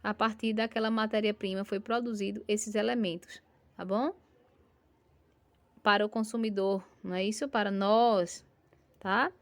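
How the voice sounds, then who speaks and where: A woman's voice: medium pitch, steady tone, normal speed, long pauses. A woman teacher with a Brazilian Portuguese accent giving a recorded lesson to young pupils, patiently stretching out syllables and checking in with frequent tag questions. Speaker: primary school teacher.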